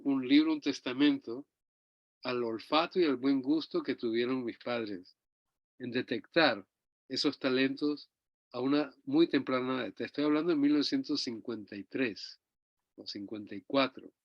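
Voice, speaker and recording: This interview guest is an older man from Chile with a mid-range voice, captured in a dull, dry recording. He reminisces in a rambling, warm storytelling manner, sprinkling in tag questions.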